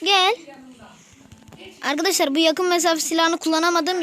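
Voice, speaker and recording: A woman giving casual gameplay commentary to her viewers, excitable and quick to burst out in frustration. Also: very high-pitched, a little hiss or hum. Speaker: gaming video host.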